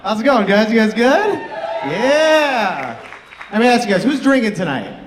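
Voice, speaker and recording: A man's voice: sits high, sing-song, measured pace, heavy background noise. A man doing a stand-up comedy set in a comedy club, teasing the crowd with crude banter. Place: comedy club stage with live audience.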